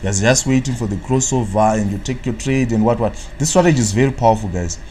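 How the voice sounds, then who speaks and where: A Zimbabwean man, a native Shona speaker, hosts a live trading analysis stream and answers viewers' chat, rambling and tagging his sentences with "what, what." His medium-pitched voice moves at a quick pace and sounds a little mellow, with slight background noise.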